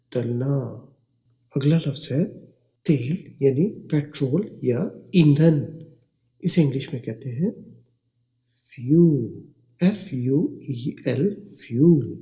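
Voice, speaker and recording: A man teaching English words slowly, spelling each one letter by letter and repeating it. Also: mid-range voice, mellow. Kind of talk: slow spelling and pronunciation lesson.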